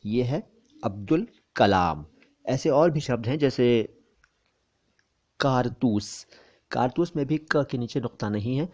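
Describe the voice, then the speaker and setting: A man's voice: medium pitch, lively intonation, mellow. Man teaching careful pronunciation. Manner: measured, careful explanatory delivery. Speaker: language teacher. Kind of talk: pronunciation lesson. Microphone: bluetooth headset.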